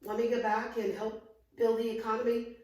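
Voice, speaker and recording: A woman, a guest in a casual interview, warm and laughing often. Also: fairly high pitch, level tone, a little fast. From Albany, Georgia, US. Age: 50s. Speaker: interview guest, insurance adjuster. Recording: echoey room, distant from mic.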